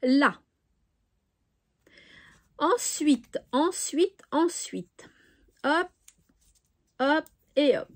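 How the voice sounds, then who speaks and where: Chatting casually with her crafting-channel audience, a woman speaks in a high voice, drawing out her words and pausing often. She's cheerful and talkative, murmuring "hop" each time she sorts something for this scrapbooking vlog.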